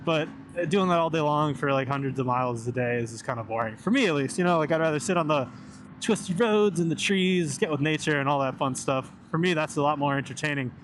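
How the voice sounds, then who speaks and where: A man's voice: a little high, fast. A young man chatting casually and informally inside a helmet while riding a motorcycle, meandering from thought to thought and swearing mildly. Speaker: motorcycle vlogger. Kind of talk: casual rambling motovlog chat. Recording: steady engine and road noise.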